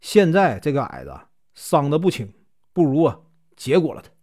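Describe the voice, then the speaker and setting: A man telling a folk tale, voicing an old woman who keeps a teahouse and scolds with a sharp tongue. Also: sits low, wildly swooping pitch, normal speed, exaggerated voice. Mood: scheming.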